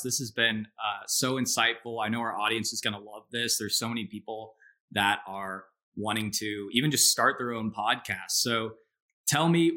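A man's voice: medium pitch, bright, forceful tone. A man hosting a podcast interview, chatting casually and laughing easily. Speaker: podcast host.

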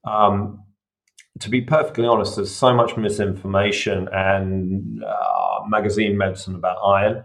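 Low-ish aussie guy, middle-aged surgeon, patient explainer on a podcast. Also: flat delivery, normal speed. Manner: explains patiently with everyday examples. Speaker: surgeon guest. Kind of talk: casual podcast interview.

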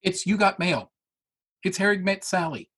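A man's voice: high voice, moderate pace, slightly rough. A man co-hosting a casual podcast, arguing animatedly about movies. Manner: argumentative, animated. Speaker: podcast co-host. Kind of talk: casual chat.

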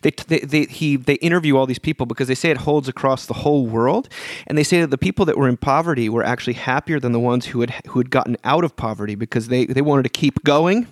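A man in his forties co-hosting a podcast, talking in a reflective, thinking-out-loud way during casual chat. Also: medium pitch, fast talker, dry recording, clean studio sound. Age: 40s. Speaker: podcast co-host.

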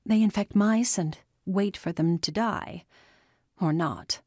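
Distraught mom on phone, loud, high and tearful, read by a woman. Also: takes it slowly, no echo, studio quality. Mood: worried. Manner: loud, breaking into tears. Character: distraught mother on phone, crying.

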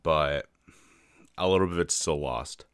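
A man's voice: very deep voice, normal speed, smooth, dry recording, studio quality. A man hosting his own podcast, chatting upbeat and rambling while tired and yawning. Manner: rambling, upbeat, with fillers and yawns. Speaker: podcast host. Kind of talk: casual solo podcast talk.

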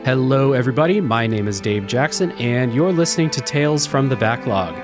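A man's voice: mid-range voice, fairly quick, over music. A man hosting a video game review podcast, chatting casually with a guest and using frequent fillers. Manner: relaxed, conversational with frequent fillers. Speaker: podcast host. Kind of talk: casual podcast chat and read sponsor thanks.

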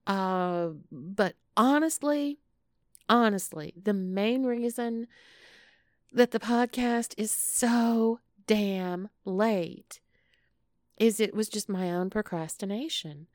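Female podcast host, unhurried and intimate, playful and flirty, close dry sound. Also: medium pitch, a little mellow, no room sound. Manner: flirtatious, playful, addresses listeners with pet names. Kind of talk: casual, intimate solo podcast chat.

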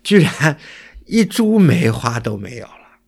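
A man from Suzhou talks through place names and old local history as a co-host. His voice has a gravelly edge and a husky, slightly rough texture. The delivery is casual and explanatory. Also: medium pitch, very animated, unhurried, darkish tone. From Suzhou, China. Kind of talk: casual cultural chat.

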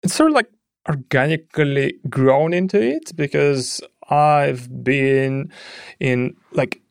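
Gravelly-voiced man from Russia. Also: mid-range voice, lively intonation, slow, no echo, studio quality. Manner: thoughtful, hesitant with many fillers. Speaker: guest, head of security. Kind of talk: podcast interview.

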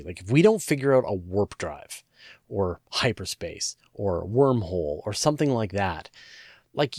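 Low-voiced man chatting about science. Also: no room sound, clean studio sound. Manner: chatty, lots of "like" and "you know", playful asides. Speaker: host answering listener questions. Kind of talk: casual science Q&A talk.

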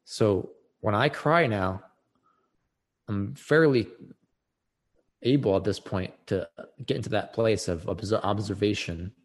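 A man's voice: lowish voice, slow, long pauses. A man in a casual conversation who talks in an earnest, reflective way and often repeats words while he thinks.

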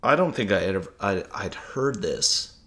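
Deep-voiced man in casual podcast chat. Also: unhurried. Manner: animated, self-mocking, opinionated. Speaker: podcast co-host. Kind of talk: casual chat about music.

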